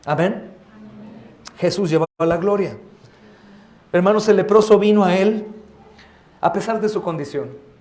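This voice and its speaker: A man's voice: sits high, a little slow, long pauses, darkish tone, roomy sound. A male pastor preaching a sermon with fervor, often acting out other people's voices in the scenes he tells. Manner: fervent preaching, acts out voices in quoted scenes. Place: church sanctuary.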